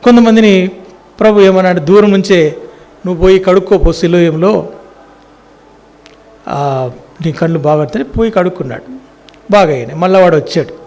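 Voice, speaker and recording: A man from India, a pastor, preaching a sermon in a prayer hall. He tells the story in a lively way, acting out the voices of its people, and swings between loud calls and soft asides. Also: high voice, normal speed, pauses often.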